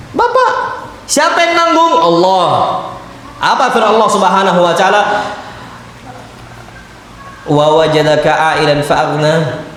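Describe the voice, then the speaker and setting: A man's voice: high-pitched, fairly bright tone. A man preaching a sermon in a mosque, emphatic and constantly putting questions straight to his listeners. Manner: emphatic, questions the audience directly. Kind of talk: sermon at a mosque study circle. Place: large mosque hall. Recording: echoey mosque hall, faint noise.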